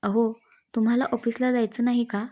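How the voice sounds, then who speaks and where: A woman's voice: fairly high pitch, flat delivery, normal speed, warm tone, close to an everyday voice. A woman voicing a shy, pampered young wife who pleads and pouts in a read-aloud story. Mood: coy. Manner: pleading, coy.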